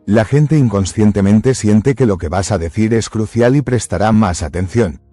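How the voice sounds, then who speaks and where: Deep, mellow male motivational narrator. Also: normal speed, no room sound, faint music behind.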